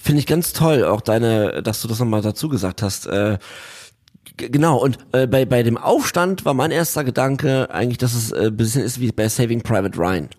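A man's voice: medium pitch, moderate pace, darkish tone. A man co-hosting a podcast, a former director who eagerly explains camera technique in casual chat. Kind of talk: casual chat about a TV series.

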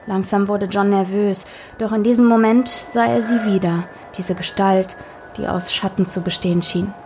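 A woman narrating a scripted spooky Halloween story in a measured storytelling manner. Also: mid-range voice, fairly even intonation, a little mellow, slight background noise.

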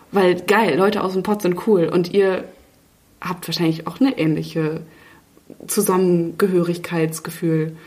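A 26-year-old woman from Münster in western Germany speaks with a fairly low, slightly mellow voice. An online editor and podcast co-host, she chats casually in slangy language and loves acting out dialogue in her animated anecdotes.

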